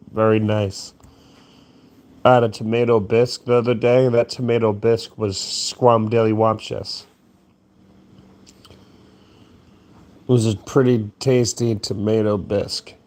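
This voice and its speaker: A man's voice: mid-range voice, darkish tone. A sleepy young man rambling crudely through a late-night monologue, yawning and meandering. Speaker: streamer.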